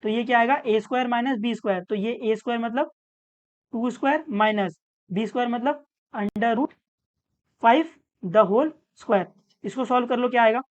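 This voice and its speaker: A woman's voice: fairly high pitch, steady tone, a little fast, dull audio. Woman tutor asking and answering herself. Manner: patient, asks and answers her own questions. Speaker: maths tutor. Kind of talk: step-by-step maths lesson.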